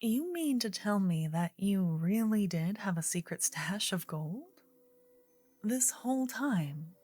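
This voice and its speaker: A woman playing a gentle, earnest druid in an ASMR role-play, her soft female voice slipping between breathy soft voice and low murmur. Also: lively intonation. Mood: curious, marveling. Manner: slow, gentle, intimate female voice with pauses. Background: soft medieval ambience and music.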